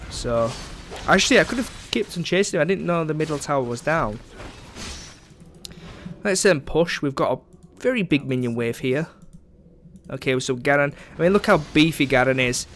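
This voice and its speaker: A man's voice: on the high side, animated, normal speed, fairly bright tone, a little hiss or hum. A young man giving casual, chatty commentary over his own gameplay, sarcastic about his teammates and dropping frequent ums.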